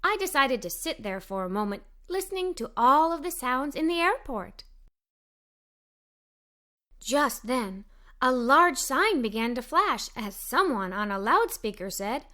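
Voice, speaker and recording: A woman gives an expressive, scripted read-aloud of a children's story in the role of a cheerful young girl. Her high voice is sing-song and unhurried, with a sharp edge.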